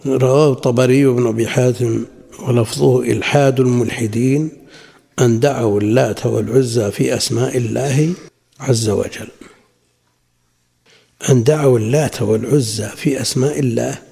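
A man teaching a religious lesson, reading quotations from classical sources and then explaining them in a measured way. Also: mid-range voice, steady tone, vocal fry, mellow, breathy edge. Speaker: Islamic scholar teaching a lesson. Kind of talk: lecture explaining a classical text. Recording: long hall reverb.

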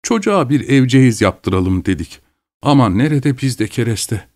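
A man's voice: medium pitch, animated, normal speed, a little mellow, natural voice. A man voicing a humble peasant who fawns and pleads politely with a lady. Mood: wheedling. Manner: fawning, ingratiating. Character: humble, wheedling male peasant elder.

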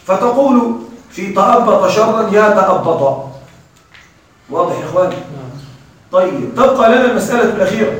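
A man teaching grammar to a class, often repeating words and checking that his students follow. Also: high-pitched. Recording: very echoey room from a distance.

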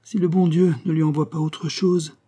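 Scornful sharp-tongued young mother, read by a man in a dark, husky audiobook voice. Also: on the high side, level tone, normal speed, pitched above the performer's own voice, lightly acted. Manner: mocking, exasperated.

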